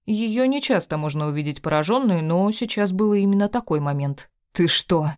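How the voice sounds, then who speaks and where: A woman narrating an audiobook in an even, dramatic storytelling manner. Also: mid-range voice, a little fast, smooth, no echo, clean studio sound. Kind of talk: scripted narration.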